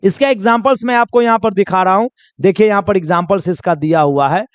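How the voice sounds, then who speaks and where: Man, very high voice, smooth, English teacher, asks and answers his own questions, dry, slightly muffled sound. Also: fast talker, dry recording. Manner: repeats questions and answers them himself, coaxing; addresses students as children. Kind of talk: spoken English lesson.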